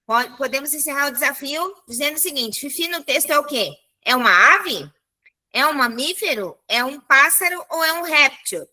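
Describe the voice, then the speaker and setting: High, bright Brazilian woman teacher. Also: normal speed. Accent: Brazilian Portuguese. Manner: lively, chatty, addresses the class as a group. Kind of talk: live online class for children.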